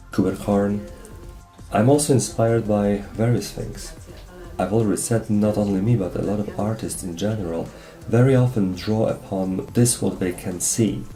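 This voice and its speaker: A man reads an interview voice-over in a low, mellow and gravelly voice. His phrasing is formal and a little stilted. The recording sounds roomy, with music playing behind him.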